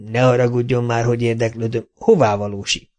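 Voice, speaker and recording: A man's voice: mid-range voice, level tone, a little mellow, lightly acted. A man reading an audiobook voices a skinny, polite old park keeper who gets flustered easily. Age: older.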